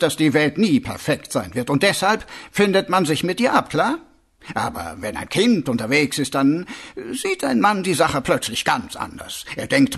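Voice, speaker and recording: A rambling middle-aged watch sergeant, as a male reader puts him on, groping for words with ums and restarts. The voice sits higher and louder than the narration, with a husky edge and a lively, rolling melody. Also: exaggerated voice. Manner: hesitant, full of ums and restarts.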